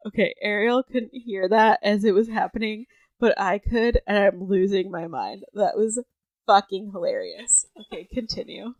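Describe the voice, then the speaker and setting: A young woman co-hosting a podcast, chatting casually with quick reactions and some swearing. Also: mid-range voice, steady tone, darkish tone, dry recording. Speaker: podcast co-host.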